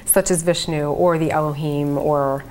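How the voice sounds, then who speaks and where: A woman with a deep, slightly mellow voice and fairly even intonation talks at normal speed as a trance channeler leading a group event. Her informal talk to the audience is earnest and conversational, with a little hiss or hum in the audio.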